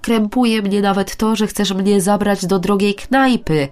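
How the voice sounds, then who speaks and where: An actress in a radio play voicing a burned-out, bitter middle-aged teacher who talks in a self-deprecating way. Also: female voice, medium pitch, a little slow, a little mellow, close to an everyday voice. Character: weary disillusioned woman teacher, middle-aged. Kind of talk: radio drama acting.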